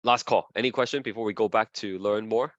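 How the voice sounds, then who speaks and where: A man's voice: lowish voice, fairly quick, no room sound, dull audio. A man lecturing a class, repeating key terms as he draws and often asking "okay?" and "right?".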